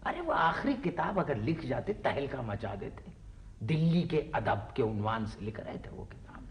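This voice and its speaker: A fussy, bookish middle-aged husband with a lively voice. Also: male voice, medium pitch, normal speed. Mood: grumbling. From Pakistan. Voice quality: theatrical, showering poetic praise. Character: fussy middle-aged literary husband, proud of his late father. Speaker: husband and father. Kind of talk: classic television drama acting.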